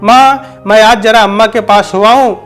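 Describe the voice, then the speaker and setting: A man voicing a meek young daughter-in-law in a storybook reading, soft and dutiful. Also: high voice, steady tone, unhurried, faint music behind.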